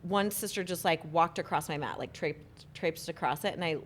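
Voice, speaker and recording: A woman's voice: fairly low pitch, normal speed, a little hiss or hum. A woman co-hosting a podcast in casual chat, telling stories and laughing often. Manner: chatty, laughs often, storytelling. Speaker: podcast co-host.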